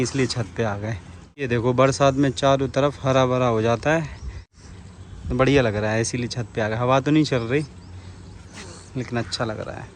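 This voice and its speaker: A man's voice: mid-range voice, a little hiss or hum. A man vlogging with his family on a house rooftop outdoors, coaxing and teasing small children in playful baby talk. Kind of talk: casual family vlog. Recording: music playing under the voice.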